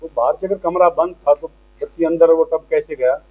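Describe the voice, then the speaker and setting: A man giving an unscripted press statement in a halting, matter-of-fact way. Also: a little high, highs cut off.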